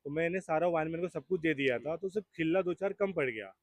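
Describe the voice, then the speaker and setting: A man's voice: a little high, fast, no echo. A man recounting an incident to a reporter in a casual, rambling, repetitive way. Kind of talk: casual spoken account. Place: outdoors on a street.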